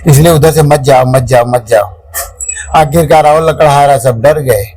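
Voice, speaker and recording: A man's voice: mid-range voice, moderate pace, darkish tone, slight background noise, rough recording. A man tells a devotional parable in a folksy, rambling way, acting out the characters as he goes. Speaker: religious storyteller.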